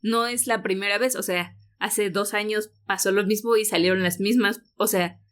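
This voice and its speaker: A woman's voice: medium pitch, fairly even intonation, normal speed. A woman, a podcast guest speaking earnestly and thoughtfully in casual conversation. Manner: thoughtful, earnest, many fillers.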